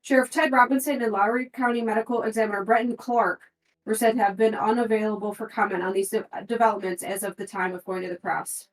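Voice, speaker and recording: This tabletop player has a mid-range voice, fairly even intonation, and a quick pace as she reasons out clues and reads handouts aloud, stumbling now and then. The mic sits at a distance, picking up a roomy echo.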